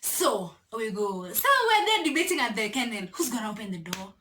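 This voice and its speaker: A young Kenyan woman telling a casual storytime to her camera, animated and laughing, dropping Swahili slang into her English. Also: mid-range voice, fairly quick, a little hiss or hum. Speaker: vlogger.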